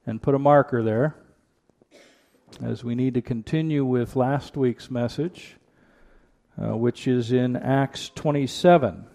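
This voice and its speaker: Gravelly man preaching at a pulpit microphone. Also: mid-range voice, slow pace, dark tone. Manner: earnest preaching with repeated rhetorical questions. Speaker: pastor. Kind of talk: sermon with prayer and scripture reading. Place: church.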